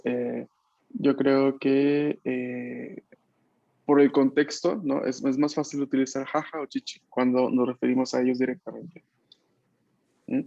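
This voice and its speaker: Gravelly-voiced man teaching a video-call class. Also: medium pitch, warm tone, no room sound, highs cut off. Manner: patient, explanatory, many tag questions. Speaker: language teacher. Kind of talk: online Japanese class taught in Spanish.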